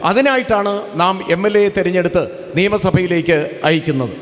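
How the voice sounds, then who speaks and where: A man's voice: sits high, expressive, a little fast, long reverb tail. A man interpreting a campaign speech for a crowd in a formal, declamatory way with repeated phrasing.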